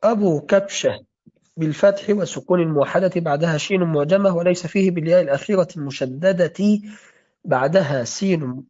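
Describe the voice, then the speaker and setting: Man, fast recitation, slightly high voice, lo-fi sound, lesson reading. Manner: fast, steady recitation of names and spellings. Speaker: student reading a classical text aloud. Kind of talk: reading and discussing a hadith-studies text. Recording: dull lo-fi recording.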